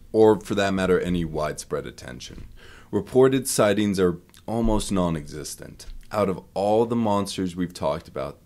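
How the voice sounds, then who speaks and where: Lower-pitched man telling a legend dramatically. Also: vocal fry, darkish tone. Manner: dramatic storyteller, punchy asides and swells. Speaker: museum staff member telling local lore. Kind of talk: storytelling narration of a folk legend.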